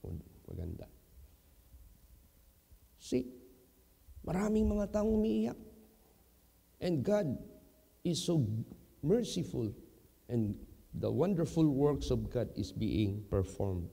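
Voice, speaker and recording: A slow, gravelly man with a Filipino accent delivers a sermon in a reverberant church hall. His tone is dark and unhurried. He often jumps to loud, high emphasis on key words. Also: big pitch swings. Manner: switches between English and Filipino, slow, emphatic, sudden loud high rises. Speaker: pastor.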